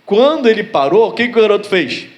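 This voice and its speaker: A pastor with a high, sing-song voice talks fast while preaching a sermon. He tells stories using acted voices and puts rhetorical questions to his congregation.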